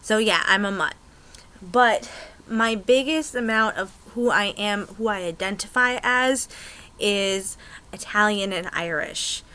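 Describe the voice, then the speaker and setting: Young american woman rambling to her camera, bright voice, lots of ums, gets excited. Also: medium pitch, unhurried, smooth, poor audio. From United States. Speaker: pagan vlogger. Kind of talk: casual chat to camera.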